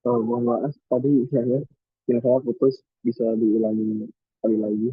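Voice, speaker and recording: A man's voice: medium pitch, little pitch movement, normal speed, breathy edge, dry recording. A young man, a student, politely asking to hear the answer again over an online class call whose connection keeps breaking up. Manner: polite, formal. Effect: choppy, breaking-up connection. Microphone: video call. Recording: tinny, dry, lagging video call line.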